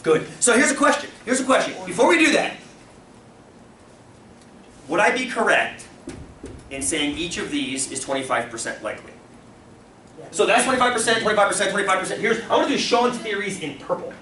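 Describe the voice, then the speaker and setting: A man's voice: sits high, big pitch swings, brisk, pauses often, bright, forceful tone, a little hiss or hum. A man teaching a classroom, playful, laughing easily and counting results aloud. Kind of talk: classroom lecture. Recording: echoey classroom, mic at a distance.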